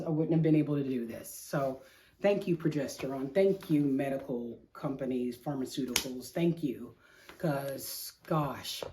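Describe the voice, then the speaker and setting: A woman's voice: sits low, noisy background. Chatty, rambling middle-aged woman, casual vlogger. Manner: chatty, rambling, self-deprecating humor, slangy. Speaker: craft show host. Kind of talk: casual crafting vlog chat.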